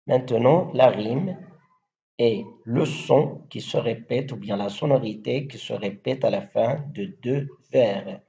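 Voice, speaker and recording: Male teacher, mellow low voice, unhurried, recites verse examples on a muffled recording. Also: vocal fry. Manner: slow, deliberate, spelling out syllables and rhyme schemes. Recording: dull lo-fi recording.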